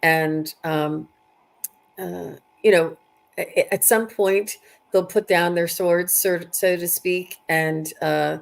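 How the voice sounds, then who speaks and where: A woman runs a casual live stream where she does readings for viewers, thinking aloud with frequent halts and repeated phrases. Her pitch is on the low side, her tone steady, with some vocal fry.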